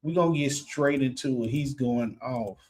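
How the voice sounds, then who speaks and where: A man's voice: medium pitch, moderate pace, a little mellow. Casual male reaction-show host. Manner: casual, loose, many fillers.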